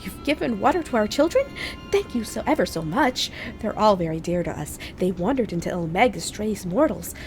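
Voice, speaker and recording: A playful, whimsical pixie from a fantasy game, acted out by a woman. She speaks in an airy, theatrical way with very animated intonation, lofty and teasing. Faint music plays underneath. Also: a little fast, natural voice. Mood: fond, grateful. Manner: airy, theatrical, addresses listeners as lowly mortals.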